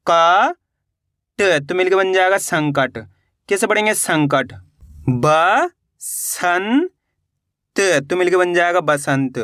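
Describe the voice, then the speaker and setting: A man teaching reading, sounding out each syllable slowly and patiently and landing lower on each finished word. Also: a bit bright, dry recording, studio quality. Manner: patient, repetitive, drops pitch on each answer word. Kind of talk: spelling out syllables slowly for learners.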